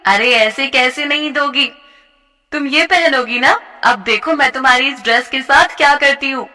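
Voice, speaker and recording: A woman's voice: high-pitched, moderate pace, pushed and bright, big-room sound, pitched above the performer's own voice. Woman voicing a sneering school bully girl. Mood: taunting. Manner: taunting and scornful.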